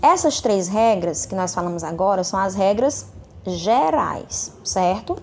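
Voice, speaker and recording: A woman teacher with a Brazilian Portuguese accent talks her students through a recorded lesson. She slows down and leans on each example word, and she keeps checking in with short tag questions. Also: mid-range voice, animated, a little hiss or hum. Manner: slows down and stresses example words. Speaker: Spanish teacher.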